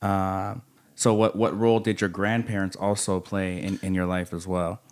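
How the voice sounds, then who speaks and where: A man's voice: deep voice, flat delivery, moderate pace, a little mellow. A man hosting a casual conversational interview, asking questions in a tentative, encouraging way. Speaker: interviewer, host.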